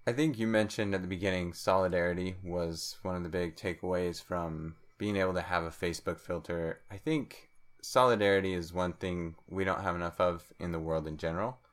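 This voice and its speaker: A man talking as a guest on a podcast, thoughtful and unhurried, with frequent ums and restarts. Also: deep voice, fairly even intonation. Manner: speaks some French. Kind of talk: casual interview chat.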